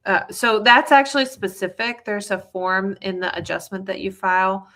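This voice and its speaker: Bright-voiced woman lawyer answering questions. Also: mid-range voice, fairly even intonation, normal speed. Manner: casual, explanatory, frequent fillers; reassuring. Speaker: immigration lawyer. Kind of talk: live viewer Q&A.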